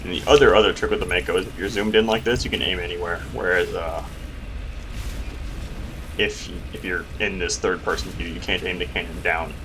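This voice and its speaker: A man's voice: deep voice, fairly even intonation, brisk. A man giving casual, wry, explanatory commentary while playing a video game. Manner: wry, explanatory, lightly joking. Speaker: gamer host. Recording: clear game noise behind. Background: video game sound effects, vehicle noise.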